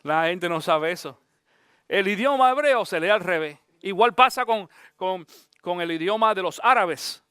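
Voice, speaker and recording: A man, a pastor, giving an animated Bible teaching, often asking his listeners direct questions. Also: sits high, measured pace, smooth, no room sound, clean studio sound.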